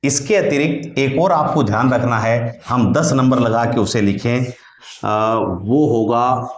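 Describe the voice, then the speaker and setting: A man teaching a grammar lesson for exam preparation, taking his time and sounding out each consonant again and again. His pace is unhurried, and his voice carries a noticeable echo from the room. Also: mid-range voice. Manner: slow, deliberate, repeats sounds to demonstrate; addresses listeners as friends, with thinking fillers. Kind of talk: exam-prep phonetics lesson.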